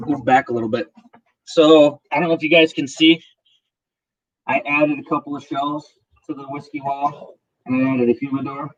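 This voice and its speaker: A man's voice: medium pitch, lo-fi sound. Chatty man hosting a casual livestream. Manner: chatty, rambling with many restarts. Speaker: livestream host. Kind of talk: casual chat.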